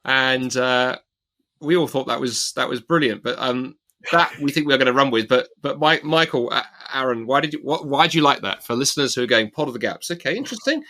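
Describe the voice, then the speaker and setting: A man hosting a casual podcast chat, playful and fond of puns, speaking haltingly with many fillers. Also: medium pitch, bright, forceful tone. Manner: hesitant, many fillers and restarts. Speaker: podcast host.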